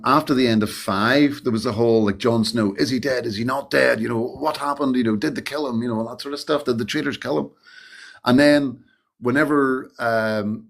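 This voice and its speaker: A man, a guest telling lively behind-the-scenes stories in casual chat, swearing freely and acting out what others said. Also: mid-range voice, gravelly. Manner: animated, swearing, acts out quoted voices. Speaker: interview guest, former extra. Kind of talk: casual storytelling.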